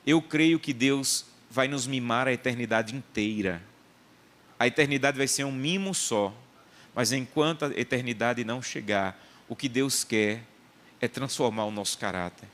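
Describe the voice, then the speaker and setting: A man's voice: medium pitch, normal speed, a bit bright. A male pastor delivering a sermon, emphatic and repetitive, mixing personal anecdotes with scripture teaching.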